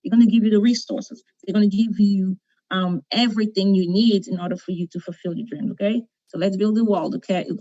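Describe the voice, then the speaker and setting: A woman's voice: mid-range voice, steady tone, fairly quick, warm tone. A woman from Cameroon, not a native English speaker, giving an encouraging talk on a video call, often repeating herself and checking in with "okay?". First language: not English; French second language. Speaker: conference speaker. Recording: dull lo-fi video call audio.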